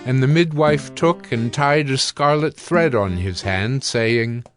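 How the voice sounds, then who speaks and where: Slowly and deliberately, a man with a medium-pitched voice narrates scripture as if in an audio drama script. Gentle music runs underneath.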